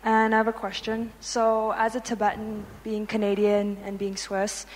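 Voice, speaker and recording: A woman's voice: mid-range voice, monotone, normal speed. A woman from the audience asking a polite, tentative question. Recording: distant echoey hall with faint noise.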